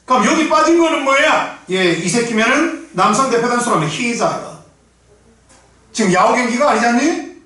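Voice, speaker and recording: High-pitched, lively middle-aged tutor, Gyeongsang accent. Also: male voice, normal speed. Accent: Gyeongsang Korean. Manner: blunt, rough slang, constant rhetorical questions to students. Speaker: English tutor. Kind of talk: exam-prep lecture. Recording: echoey room, mic set at a distance.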